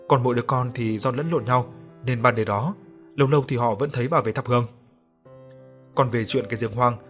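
A man narrating a ghost story in a scripted storytelling style, sometimes raising his voice to act out a grieving mother's pleading. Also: medium pitch. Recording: faint music underneath.

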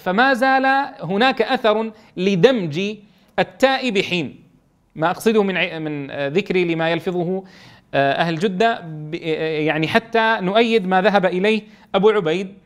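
High-voiced man teaching a Quran lesson. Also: smooth. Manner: reads quoted text slowly, then explains quickly, often checking with listeners. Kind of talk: explaining a classical text in a lesson.

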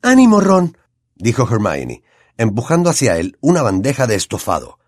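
Expressive Latin American Spanish male narrator. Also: on the low side, moderate pace, slightly rough, no echo, clean studio sound. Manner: expressive storytelling delivery. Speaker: audiobook narrator. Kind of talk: scripted audiobook narration.

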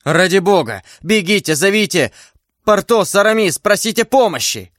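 Man playing a young woman, high-pitched, breathless, pleading, dry close sound. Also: expressive, normal speed, a bit bright, dry recording. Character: young woman, frightened and fading.

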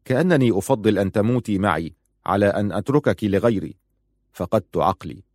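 A man's voice: lowish voice, darkish tone, no echo, studio quality, close to an everyday voice. A male narrator voicing a young warrior husband in an audiobook, speaking with intense, brooding weight.

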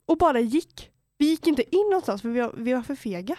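On her podcast, a Borås teen under eighteen chats her way through a story, using slang, cursing and acting out what people said. Her voice is high with lively intonation and a dark tone, recorded dry at studio quality.

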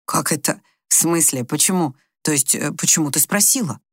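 A teasing, level-headed doctor husband, as a woman reader lowers her voice for him. He jokes drily and reassures in a steady, grounded tone. The recording is close and dry. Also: normal speed, slightly rough, dry recording. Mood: calm, puzzled. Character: wry, teasing male doctor husband, patient and calm. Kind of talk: audiobook character reading.

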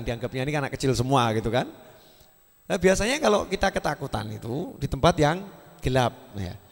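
Man giving a sermon, chatty, throws questions at the crowd, long hall echo. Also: medium pitch. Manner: conversational, asks the audience rhetorical questions. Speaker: preacher. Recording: echoey hall reverb.

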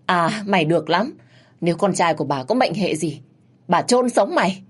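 A woman narrator voicing a harsh, anxious older mother who speaks loudly and wails. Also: lively intonation, moderate pace, slightly rough. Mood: furious. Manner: loud, shrill, wailing.

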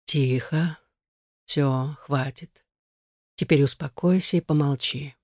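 A reader voicing an unseen spider creature in an audiobook, speaking softly, slowly and insinuatingly. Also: medium pitch, fairly even intonation, no room sound, studio quality. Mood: soothing, coaxing. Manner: soft and coaxing, quiet and slow. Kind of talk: audiobook reading.

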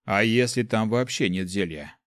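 Anxious cautious cleric, sighing, plain lowish voice, dry sound, man reading. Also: animated, moderate pace, fairly bright tone, no echo. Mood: worried.

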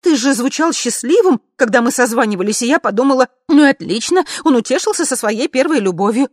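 A woman voicing an agitated widow who rambles and shouts in a storybook. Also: medium pitch, big pitch swings, a little fast, no echo, clean studio sound, pitched above the performer's own voice. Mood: rambling. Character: frantic wife and widow, middle-aged woman.

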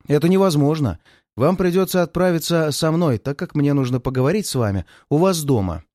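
Audiobook role: a man playing an unflappable detective, calm, firm and measured, lively in tone. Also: fairly high pitch, no room sound, studio quality, lightly acted. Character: calm, resolute male detective.

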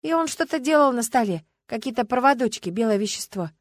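A woman's voice: on the high side, expressive, brisk, dry recording, voice pushed up. A woman reading an audiobook and voicing a bitter woman who wants nothing to do with her troubled brother, in an indignant, dismissive manner.

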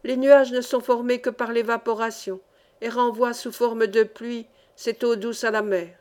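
A woman voicing a learned, genial older engineer who explains science in measured sentences in a read-aloud novel. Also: a little high, little pitch movement, darkish tone, lightly acted. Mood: instructive. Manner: instructive, measured.

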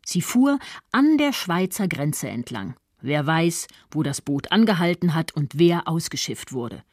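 A woman's voice: sits low, big pitch swings, unhurried, darkish tone, no echo, studio quality, heavily acted. An actress playing a self-righteous middle-aged mother who narrates her story with prim indignation in a radio drama. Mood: indignant. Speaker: first-person narrator.

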